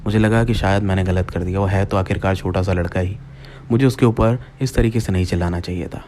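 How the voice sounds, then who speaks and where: A man's voice: low voice, fairly even intonation, fast talker, darkish tone, a little hiss or hum. A man narrating a first-person horror story to his listeners, speaking to them as friends and acting out his own lines.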